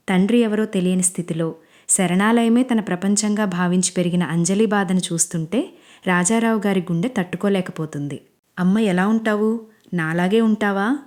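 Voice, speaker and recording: A woman narrating a television serial recap in an even, earnest scripted read. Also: mid-range voice.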